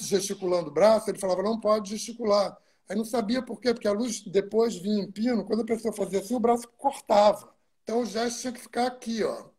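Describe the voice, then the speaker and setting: A man's voice: high-pitched, a little mellow, husky. A man from Brazil, a guest stage actor in a video-call interview, recalls his work at length with asides and digressions. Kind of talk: reflective interview storytelling.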